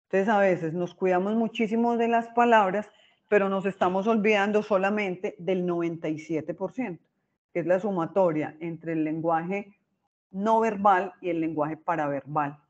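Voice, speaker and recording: Woman lecturer, lively and conversational, keeps checking in with the audience, muffled lo-fi recording. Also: lowish voice, moderate pace. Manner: expressive, often checks in with listeners by asking "right?". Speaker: speaker giving a talk on emotional intelligence. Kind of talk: informal lecture.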